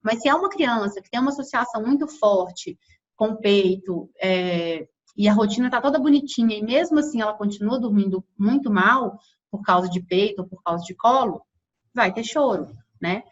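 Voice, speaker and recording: A woman's voice: mid-range voice, expressive, moderate pace, dull audio. Brazilian woman teaching with chatty tag questions. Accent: Brazilian Portuguese. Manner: conversational, frequent tag questions. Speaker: infant sleep consultant. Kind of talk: online workshop lesson.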